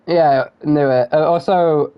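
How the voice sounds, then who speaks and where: A man's voice: on the high side, steady tone, takes it slowly, smooth, lo-fi sound. A man streaming a game live, chatting in a rambling, giggly way that keeps interrupting itself. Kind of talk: live gameplay commentary.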